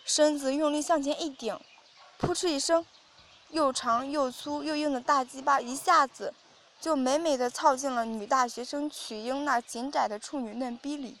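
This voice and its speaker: A woman narrating an audio story in a steady reading voice. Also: high-pitched, moderate pace.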